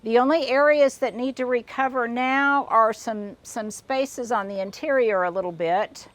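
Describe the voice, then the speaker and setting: A slightly high-voiced older woman walks viewers around her backyard garden. She talks casually and digresses, restarting phrases often, and sounds a little out of breath. She is recorded outdoors. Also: normal speed, dry recording. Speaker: garden vlogger.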